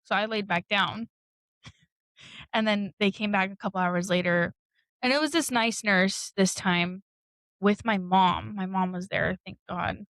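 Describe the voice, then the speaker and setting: A woman's voice: mid-range voice, unhurried, a bit bright, dry recording, rough recording. A woman co-hosting a podcast, telling a personal story in a candid, blunt way, swearing and laughing often. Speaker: podcast co-host. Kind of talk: casual storytelling.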